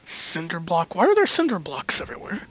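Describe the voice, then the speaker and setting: Rambling through a game as they explore, a commentator hiccups, giggles, and keeps muttering asides under their breath. Their medium-pitched, fairly bright voice swoops wildly in pitch and moves a little fast. The lo-fi recording is slightly dull, with slight background noise.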